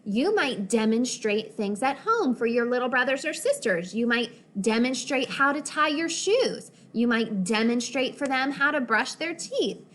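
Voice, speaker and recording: A woman's voice: high-pitched, expressive, fairly bright tone, slight background noise. A woman teacher explaining vocabulary and reading a story aloud to young children, patiently and with voices for the characters, over a video call. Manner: patient, explaining words slowly, acting out character lines. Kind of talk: read-aloud lesson for children.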